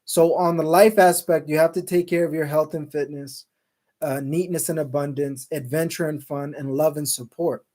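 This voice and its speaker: The host of a live call-in show in Salt Lake City, Utah, reads out viewer comments in loose, casual chat full of fillers and restarts, peppered with Islamic phrases. His high voice holds a steady tone with a darkish quality at a normal speed.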